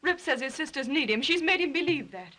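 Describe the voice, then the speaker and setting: Young wife in a 30s movie, high pitched, emotional, sharp clear tone, earnest. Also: female voice, lively intonation, brisk. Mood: troubled, resolute. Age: young adult. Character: earnest young wife fighting for her husband. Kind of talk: 1930s Hollywood film melodrama. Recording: 1930s film soundtrack.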